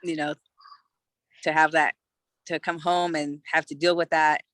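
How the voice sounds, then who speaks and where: A woman's voice: low-pitched, flat delivery, a little slow, fairly bright tone, dry recording. A woman in her thirties from California, a podcast guest telling her own story in a loose, frank way, full of "you know" fillers and casual swearing. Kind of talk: candid personal storytelling in conversation.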